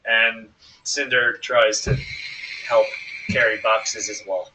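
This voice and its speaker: A man's voice: lowish voice, fairly even intonation, slow, pushed and bright, far from the mic, low-quality recording. A man playing a tabletop game, brash and joking and swearing freely, picked up across the room on a shared mic. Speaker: player. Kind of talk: tabletop game play, casual banter. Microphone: one shared mic across the room.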